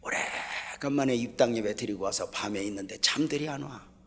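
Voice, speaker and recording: A middle-aged man giving a revival sermon as a guest pastor, swinging between hushed storytelling and shouting. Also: medium pitch, fairly quick, creaky. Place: church sanctuary. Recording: long reverb of a large church hall.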